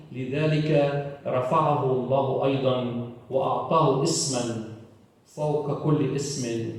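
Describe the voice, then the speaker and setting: A man's voice: medium pitch, darkish tone, slight background noise. Solemn man reading scripture in church. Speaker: church speaker. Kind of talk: scripture reading and closing words. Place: church sanctuary. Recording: echoey church hall from far off.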